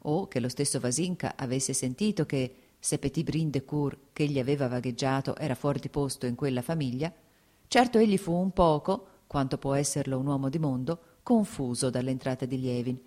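A woman narrating a classic novel as an audiobook, in a measured literary reading. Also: extremely low pitch, mellow.

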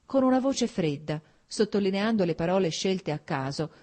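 A woman narrating a novel aloud in a measured, expressive literary reading. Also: mid-range voice. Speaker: audiobook narrator. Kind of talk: scripted narration.

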